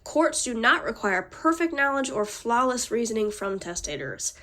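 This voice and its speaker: A woman with a cold delivers a prepared class presentation in a slightly nasal voice, with small slips and restarts. Her tone is bright and forceful, her pitch a little high and sing-song, and her pace moderate.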